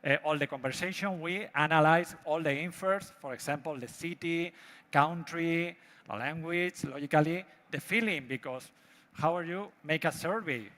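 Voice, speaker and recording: A man from Spain with a Spanish accent, a native Spanish speaker giving a live product pitch in broken, halting English. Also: a bit bright. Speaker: startup presenter pitching a product. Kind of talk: live pitch presentation with demo. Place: large event hall. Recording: echoey hall with long reverb.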